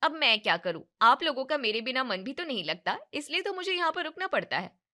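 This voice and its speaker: A woman voicing a lazy, demanding young married woman who gives orders in a bossy, entitled way in an animated story. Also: high-pitched, a little fast, exaggerated voice.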